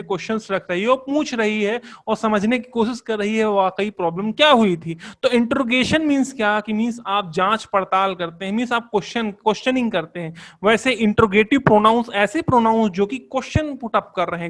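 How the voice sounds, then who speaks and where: ऊँची आवाज़ वाला पुरुष शिक्षक. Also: male voice, high voice, a bit bright. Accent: Hindi-accented English words. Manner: explains patiently, repeats terms and asks the class questions. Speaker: English grammar teacher. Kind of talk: online classroom lesson.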